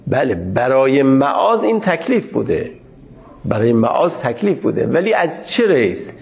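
A man teaching a seminary lecture on jurisprudence in a formal, measured way, pausing often to find his words. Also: medium pitch, sing-song, gravelly, darkish tone.

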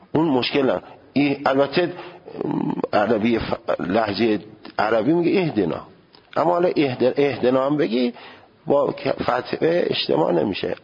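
Husky-voiced man giving an animated lecture. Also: a little high, muffled recording. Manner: animated, questions students and sounds out pronunciations. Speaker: seminary teacher. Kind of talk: seminary jurisprudence lecture.

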